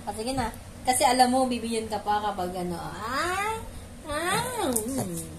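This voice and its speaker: A woman's voice: on the high side, big pitch swings, unhurried, noisy background. A woman playfully teasing her pet dog, repeating short commands and questions in a coaxing way. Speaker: pet owner.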